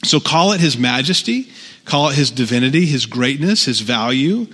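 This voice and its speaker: A man's voice: medium pitch, expressive, normal speed, fairly bright tone, breathy edge, in a large hall. A man preaching a sermon, conversational with frequent "right?" asides. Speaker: pastor.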